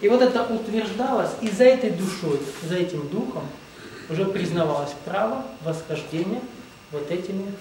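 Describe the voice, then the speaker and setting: Echoey high-voiced male lecturer. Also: animated, normal speed, darkish tone, slight background noise. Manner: rambling, emphatic, repeats "ну, допустим". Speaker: spiritual teacher. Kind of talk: spiritual lecture. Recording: echoey room, distant mic.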